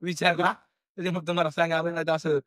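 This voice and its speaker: A young Marathi-accented man telling a true ghost story on a podcast, halting with fillers and restarts and acting out what people said. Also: on the high side, little pitch movement, fairly bright tone, no echo, studio quality. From India. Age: young adult. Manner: halting, many fillers and restarts, acts out quoted dialogue. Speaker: guest storyteller.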